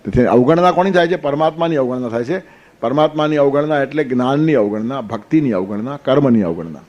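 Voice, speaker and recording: A man's voice: mid-range voice, fast talker, a little mellow, highs cut off. A man giving a discourse on a sacred text, explaining with homely stories and counting aloud. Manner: storytelling with counting and playful asides. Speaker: spiritual teacher. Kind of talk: Gita discourse.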